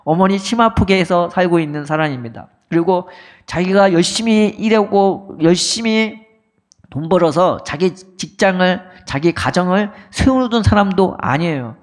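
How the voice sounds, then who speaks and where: A man's voice: high voice, normal speed. A middle-aged male pastor preaching a sermon, telling a story and asking rhetorical questions. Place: church sanctuary.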